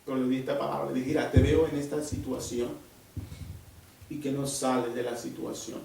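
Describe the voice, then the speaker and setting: A man preaching a sermon at church, emphatic and animated, often dropping into a hushed voice as he tells a personal testimony. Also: medium pitch, fairly quick, vocal fry, a little hiss or hum. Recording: very echoey church hall from far off.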